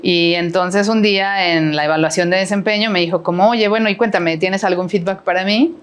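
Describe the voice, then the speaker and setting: With a Mexican Spanish accent and a smooth, lowish voice that moves a little fast, a middle-aged woman talks as a podcast guest. It's a casual conversational interview, and she rambles freely with frequent fillers and tag questions.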